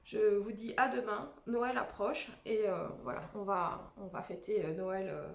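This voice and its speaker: A woman coaching viewers through a self-help tapping routine, calmly guiding and repeating affirmation phrases. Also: medium pitch, unhurried, gravelly. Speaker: energy wellness coach. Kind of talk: guided self-help demonstration. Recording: echoey room.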